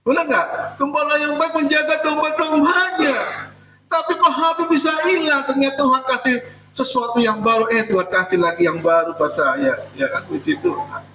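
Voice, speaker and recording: A male pastor in a church preaches in a chatty, joking way and acts out people's complaints to God. His voice sits high and sounds bright and forceful. It carries the echo of a hall and is picked up from a distance. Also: moderate pace, slight background noise. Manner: conversational preaching with jokes and acted-out prayers. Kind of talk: sermon.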